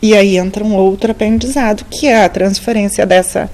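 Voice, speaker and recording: A woman with a Brazilian Portuguese accent answers interview questions as a speech therapist. She speaks calmly and didactically in a mellow, warm voice, pausing on small fillers. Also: mid-range voice. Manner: calm, didactic, measured with fillers.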